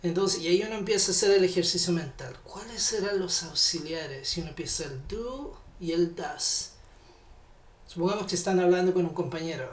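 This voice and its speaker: A man with a Chilean accent, teaching an English lesson, speaking patiently and deliberately to his learners. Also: high voice, roomy sound. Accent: Chilean Spanish. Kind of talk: classroom lesson explanation.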